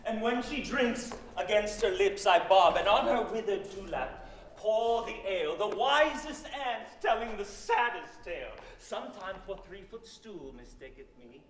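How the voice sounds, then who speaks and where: A man's voice: sits high, animated, a little slow. A man playing a merry, boastful prankster sprite in hammy Shakespearean stage acting, acting out his tales. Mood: gleeful boasting. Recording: echoey live stage, faint noise.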